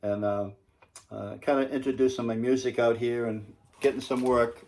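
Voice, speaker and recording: A singer and guitarist in his seventies from New England, with an American accent, chats on a phone call from indoors at home in an easygoing, folksy way. His mid-range voice is steady and darkish, at a moderate pace.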